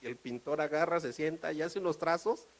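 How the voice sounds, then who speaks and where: Animated preacher with a Mexican accent. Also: male voice, a little high, brisk, a little hiss or hum, low-quality recording. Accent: Mexican Spanish. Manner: animated, storytelling, acts out dialogue. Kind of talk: sermon.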